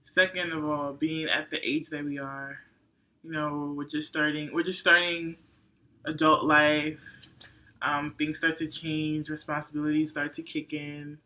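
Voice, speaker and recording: A woman's voice: low-pitched, level tone, a little slow, bright, forceful tone. A young woman with a Nigerian accent, hosting her channel in a friendly, chatty conversation with a friend. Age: young adult. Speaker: channel host. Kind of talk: casual chat.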